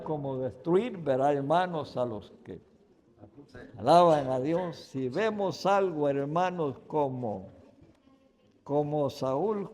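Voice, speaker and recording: A man delivers a Sunday sermon in a fairly high voice, taking his time over every phrase. He speaks in emphatic bursts and keeps turning to the congregation with "brothers" and a questioning "right?". The sound rings with the long reverb of a church hall. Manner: emphatic preaching with sudden loud stresses. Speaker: guest preacher. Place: church sanctuary.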